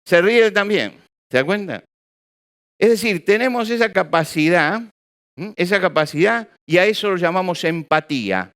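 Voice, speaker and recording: A man's voice: high-pitched, lively intonation, normal speed, fairly bright tone. A male pastor preaching to a live congregation, asking rhetorical questions and acting out small examples. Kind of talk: sermon. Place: church or hall with an audience.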